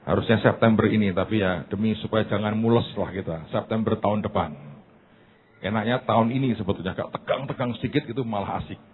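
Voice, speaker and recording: A male pastor preaching a sermon, animated, swinging from loud to quiet and acting out little dialogues. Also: on the low side, fast, slight background noise. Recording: phone-like narrow sound.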